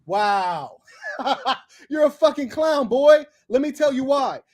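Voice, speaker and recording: With a very high, expressive, slightly mellow voice, a Los Angeles livestream host broadcasting from abroad slowly curses and insults a caller, heated and domineering throughout.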